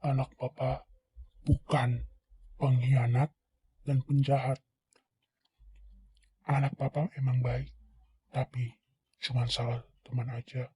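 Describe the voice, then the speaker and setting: A man voicing a loving, remorseful father in a fan voice drama, speaking gently and soothingly. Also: medium pitch, little pitch movement, takes it slowly, long pauses, breathy edge. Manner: gentle, soothing, drops to whispers.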